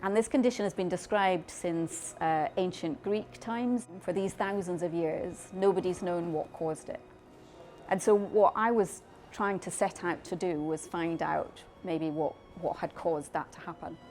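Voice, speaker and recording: A woman's voice: lowish voice, measured pace, a little mellow. A middle-aged woman, a clinician scientist from Scotland raised in Belgium, talking thoughtfully in a profile interview, often restarting and repeating words as she explains. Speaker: clinician scientist in paediatric dermatology.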